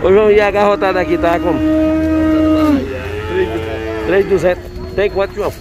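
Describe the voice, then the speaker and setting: A man asking sellers quick, friendly questions about their cattle at an outdoor market. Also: high voice, steady tone, muffled recording. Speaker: vlogger touring a cattle fair. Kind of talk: casual interviewing of sellers. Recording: loud market crowd behind. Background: cattle and crowd noise.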